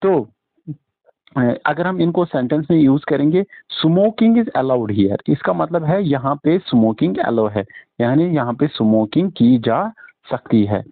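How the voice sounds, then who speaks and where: A man with an Indian English accent teaches an exam-prep lesson, moving between Hindi and English and spelling words out letter by letter. His voice sits a little high. The sound is dry and thin, like it came over a phone line. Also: animated, measured pace, no echo. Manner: mixes Hindi and English, frequent fillers and restarts. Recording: dry, tinny phone-like audio.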